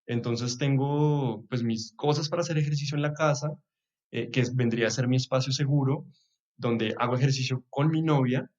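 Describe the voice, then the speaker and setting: A young Colombian man from Bogotá muses aloud in a casual podcast chat, with a Bogotá accent and soft chuckles. His voice sits mid-range. The recording has a somewhat dull, lo-fi quality. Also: medium pitch, normal speed. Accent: Bogotá Colombian Spanish. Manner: reflective, chuckles often, trails off with soft asides. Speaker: podcast guest.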